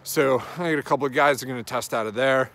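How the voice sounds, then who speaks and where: In this walking vlog, a strength and conditioning coach in his thirties thinks out loud quickly, his medium-pitched voice creaky and a bit bright. He's on a suburban residential street, with his phone held out at arm's length.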